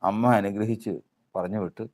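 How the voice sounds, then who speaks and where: Low-voiced man preaching a sermon. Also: fairly even intonation, fairly quick, a little mellow. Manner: repetitive rhetorical preaching with questions.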